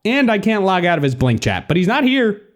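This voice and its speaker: Man, audiobook narrator, sardonic, profane, animated delivery. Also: high voice, fairly quick. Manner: sardonic, profane, deadpan asides. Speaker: author narrating his own audiobook.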